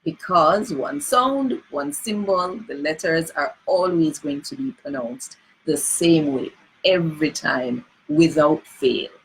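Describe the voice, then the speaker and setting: Jamaican woman, lower voice, patient teacher checking in with listeners. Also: lively intonation, takes it slowly, slightly rough, poor audio. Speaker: presenter reading an article. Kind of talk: spoken lesson on pronunciation.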